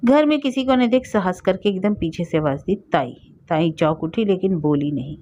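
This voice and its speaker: A woman's voice: on the low side, moderate pace, muffled recording. Woman reading an emotional story aloud. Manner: expressive, acting out dialogue.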